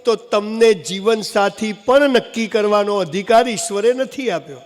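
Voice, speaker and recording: A man from Gujarat, India, giving a humorous motivational speech, telling animated stories with jokey asides. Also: high-pitched, normal speed. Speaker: motivational speaker. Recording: long hall reverb, faint noise.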